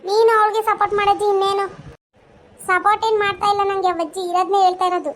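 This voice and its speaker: A sharp-tongued village woman snaps back sarcastically in a cartoon, voiced by a performer. Her voice sits very high and moves fast. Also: level tone, slight background noise. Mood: sarcastic. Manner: sarcastic, defensive. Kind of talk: cartoon voice acting.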